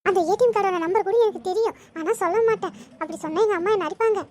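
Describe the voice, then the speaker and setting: Cheeky cartoon girl vlogger, very high, fast patter, actor-voiced. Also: darkish tone. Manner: chatty, boastful. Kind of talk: comic home-tour vlog narration.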